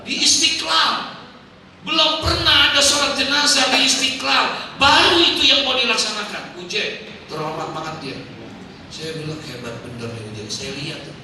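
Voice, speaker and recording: High-voiced Betawi preacher, echoing from afar. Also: male voice, normal speed. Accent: Betawi Jakarta. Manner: jokey, acts out quoted voices, shouts punchlines. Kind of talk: comic sermon storytelling. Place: outdoor market gathering. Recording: echoey distant PA sound, noisy crowd.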